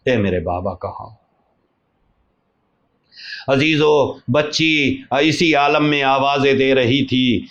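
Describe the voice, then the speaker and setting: A man's voice: fairly low pitch, lo-fi sound. Grieving man preaching a mourning sermon. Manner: grieving, declamatory, often addresses the listeners directly. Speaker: Shia preacher. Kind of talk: mourning sermon recounting a tragedy.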